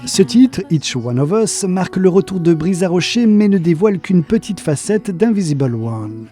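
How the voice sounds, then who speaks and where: A man reading a scripted voice-over narration in a smooth, even way, over soft music. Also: high voice, moderate pace. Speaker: narrator of the segment.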